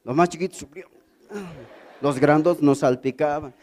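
A middle-aged man with a Bolivian Spanish accent, telling stand-up stories and acting out characters in an animated way. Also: fairly high pitch, moderate pace. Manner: animated, acts out characters, stammering gags. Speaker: comedian. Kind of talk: stand-up storytelling.

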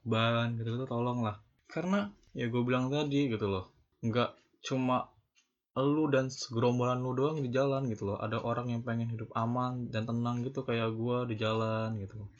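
Young guy w lecturing, swears a lot, kinda muffled lo-fi audio. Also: mid-range voice. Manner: preachy, scolding, heavy slang and swearing. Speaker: vlogger. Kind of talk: ranting monologue.

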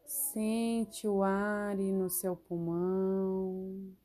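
A woman leading a guided relaxation meditation, giving soothing instructions with long pauses. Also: medium pitch, little pitch movement, dark tone, faint music behind.

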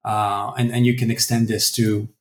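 A French man in his forties, founder of a translation company, answers interview questions as a guest in a casual, hesitant way with lots of fillers and restarts. His lowish voice shows little pitch movement at normal speed, in a roomy-sounding space.

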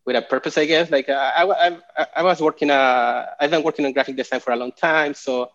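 Chilean-born man, halting over a call. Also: fairly high pitch, steady tone, a bit bright. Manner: halting, many fillers and restarts. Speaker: guest artist. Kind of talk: casual interview. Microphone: video call. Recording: dull lo-fi call audio.

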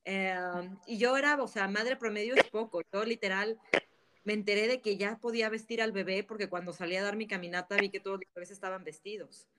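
A woman is a guest in a casual interview. She tells her stories candidly and in an animated way. She laughs often while she talks. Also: medium pitch, brisk.

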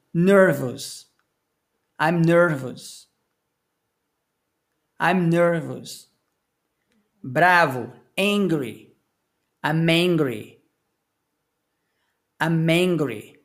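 A man leads an English lesson in a very slow, measured way. He models each short phrase carefully and says it twice for learners to copy. His voice sits slightly high for a man. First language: Portuguese. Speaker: English teacher. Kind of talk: language lesson with repetition drills.

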